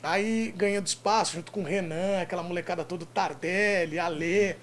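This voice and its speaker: A man's voice: high voice, a little fast. A man with a Brazilian accent hosting a talk show in a chatty, effusive showman's way. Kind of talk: chatty, upbeat show presenting. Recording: clear background noise.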